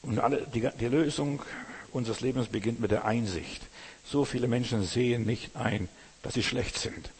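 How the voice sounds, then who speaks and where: A man's voice: mid-range voice, moderate pace, slight background noise. A man preaching a sermon in German, earnest and exhorting, speaking directly to his listeners. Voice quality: husky. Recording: reverberant hall.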